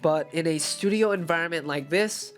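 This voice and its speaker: A man's voice: on the high side, moderate pace, faint music behind. Congested, blocked-nose man reviewing gear. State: congested with a cold, muffled blocked-nose hollow sound. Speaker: host, camera reviewer. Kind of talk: scripted casual video review narration.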